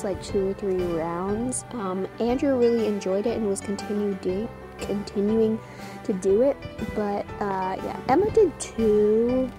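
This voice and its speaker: Out on a driveway, a teenage girl holds her phone at arm's length and vlogs casually, coaching her younger siblings as their older sister. Her mellow, mid-range voice comes with a bossy, giggly manner.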